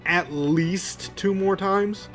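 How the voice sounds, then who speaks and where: A man's voice: high voice, extremely slow, fairly bright tone, faint music behind. A young man giving casual, rambling let's play commentary in a jokey, mock-exasperated manner.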